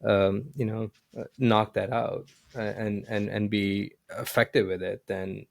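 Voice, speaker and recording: Male podcast host, low gravelly voice, halting casual delivery, dry close sound. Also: fairly even intonation, no room sound. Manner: halting, many restarts and "you know" fillers. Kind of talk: casual interview chat.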